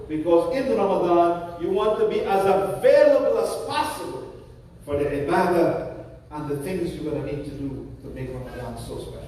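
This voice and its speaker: High-voiced imam in an echoing hall. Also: male voice, dark tone. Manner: practical, conversational exhortation with repeated restarts. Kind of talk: Friday sermon. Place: large mosque prayer hall. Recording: echoey hall from far off.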